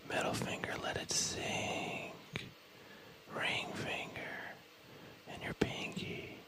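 In a low-quality recording, a man whispers as an ASMR host, guiding a body scan with soft, soothing instructions and occasional casual asides.

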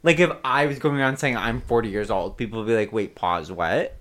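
A man's voice: mid-range voice, fast, fairly bright tone. Laid-back man co-host. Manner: laid-back, explains with fillers. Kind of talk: casual chat.

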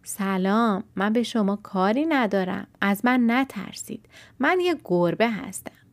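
A woman voicing a gentle, pleading tiger in a storybook reading, with dry close sound. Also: mid-range voice, lively intonation, dry recording, close to an everyday voice. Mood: friendly. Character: gentle tiger wishing to be a cat.

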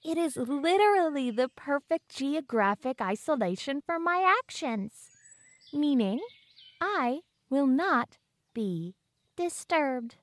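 A woman's voice: high-pitched, animated, slow, dry recording. A woman playing a pompous, coldly menacing fourteen-year-old girl who speaks in an overly formal, wordy and condescending way. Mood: smug, menacing. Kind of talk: audio drama acting.

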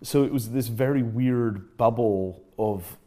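A middle-aged British man speaking as an interview guest. He talks reflectively and acts out the reactions he quotes with sudden lively jumps in pitch. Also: slow. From Britain. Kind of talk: casual conversational interview.

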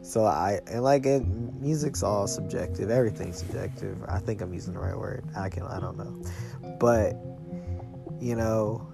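A man's voice: fairly low pitch, normal speed, vocal fry. A young man chatting casually as a solo podcast host, in loose, slangy bro talk. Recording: music playing behind the voice.

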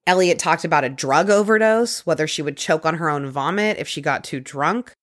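Woman, lowish voice, casual true-crime storyteller, conversational, podcast host. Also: lively intonation. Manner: conversational, quick asides, occasional put-on quotes. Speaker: podcast host telling a case.

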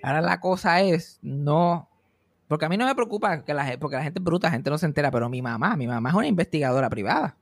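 High-voiced Puerto Rican man joking. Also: fast, creaky, no room sound, studio quality. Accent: Puerto Rican Spanish. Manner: joking, animated, slips into English. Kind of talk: casual comedic chat.

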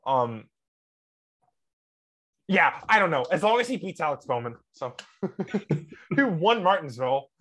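A young man chatting on a podcast, excitable and quick to laugh. His voice sits a bit high and swings widely in pitch as he gushes and rambles. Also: slightly rough. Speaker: podcast co-host. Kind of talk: casual podcast chat.

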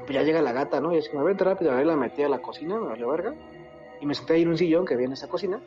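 A Mexican man rattles through a ghost story at high speed, his voice sitting a bit high for a man. He talks loose and slangy, swearing and quoting himself as he goes. The sound is muffled and lo-fi, with faint music underneath. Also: very fast. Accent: Mexican Spanish. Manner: slangy, swearing, animated retelling with self-quotes. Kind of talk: casual ghost story telling.

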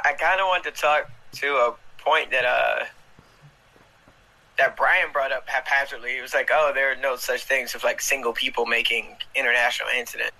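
A man's voice: mid-range voice, pushed and bright, rough recording. A man hosting a livestream over a video call, bantering casually with jokes and profanity. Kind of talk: casual chat.

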